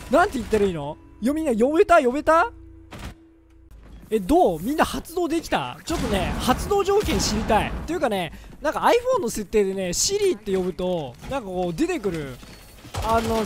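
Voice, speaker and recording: A man doing casual let's-play game commentary, jokey and excitable, breaking into loud yelps during fights. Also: sits high. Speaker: gaming commentator.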